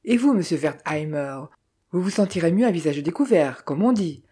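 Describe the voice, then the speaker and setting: Gentleman thief, read aloud by a narrator, mocking, disdainful, warm husky tone, storybook reading. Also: mid-range voice, animated, moderate pace. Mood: scornful. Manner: sardonic, coolly ironic.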